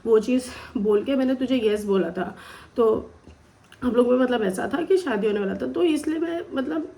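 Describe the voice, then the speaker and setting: Young woman, from India, tearful, personal storytelling, high voice, mellow tone. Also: moderate pace, gravelly. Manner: tearful, mixes English phrases into her talk. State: close to tears.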